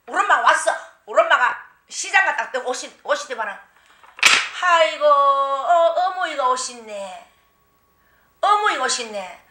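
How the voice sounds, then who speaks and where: A woman shaman with a Gyeongsang accent telling her own story, animated and often laughing, acting out the people she quotes. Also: high voice. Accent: Gyeongsang Korean. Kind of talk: personal storytelling. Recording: echoey room.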